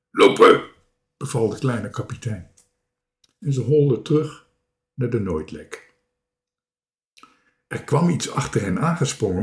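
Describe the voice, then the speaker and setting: A man reads a children's storybook aloud at an unhurried pace. His pitch moves a lot, rising and falling with the tale as he slips into small voices for the characters. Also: darkish tone.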